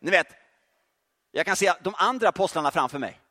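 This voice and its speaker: Animated male preacher. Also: sits high. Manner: animated, joking, addresses audience directly. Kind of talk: sermon.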